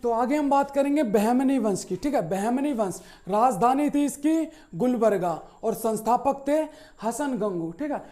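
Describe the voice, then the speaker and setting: A man teaching history, walking students through memory tricks with a mellow, soft tone. He poses his own questions and answers them right away, closing nearly every point with a quick okay. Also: extremely high pitch.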